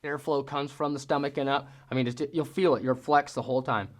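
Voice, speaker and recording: A man's voice: mid-range voice, steady tone, a little fast. Casual, folksy male hunting-call instructor. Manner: folksy, mimics sounds with vocal demonstrations. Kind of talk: casual how-to tutorial.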